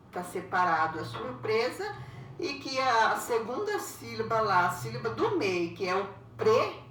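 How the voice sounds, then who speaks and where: Woman teacher, unhurried, explains step by step for children, roomy recording with faint background noise. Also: on the high side, a bit bright, far from the mic. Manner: patient, explains step by step, ends phrases with a tag question. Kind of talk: recorded lesson for young pupils.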